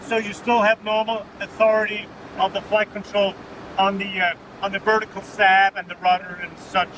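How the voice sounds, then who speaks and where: A man with a Danish accent speaks in a high-pitched voice over a clear aircraft drone. He explains technical things informally and plainly, like a working pilot being interviewed in flight. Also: little pitch movement, normal speed. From Denmark. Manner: matter-of-fact, often adding "right?" as a tag. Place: inside an aircraft cockpit in flight. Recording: loud vehicle drone behind the voice. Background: aircraft engine and air noise.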